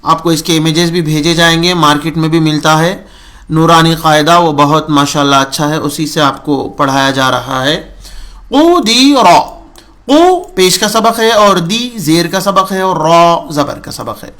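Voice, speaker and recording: A man teaching a Quran reading lesson, who slowly draws out single syllables and repeats each sound to model its pronunciation, in a patient, instructive manner. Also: a little high, bright, forceful tone. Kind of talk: recorded recitation lesson. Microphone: recording for remote students.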